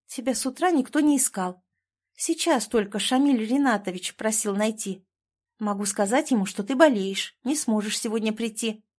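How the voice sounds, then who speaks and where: A woman's voice: a little high, moderate pace, a little mellow, lightly acted. Woman doing a sly young office girl faking sternness, audiobook. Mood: curt. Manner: trying to sound stern.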